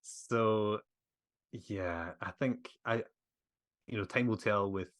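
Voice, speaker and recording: A man with a very low, deep voice, recorded close and dry. He gives measured advice as a guest, pausing with frequent fillers. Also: fairly bright tone, no echo. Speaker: film director guest. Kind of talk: casual interview conversation.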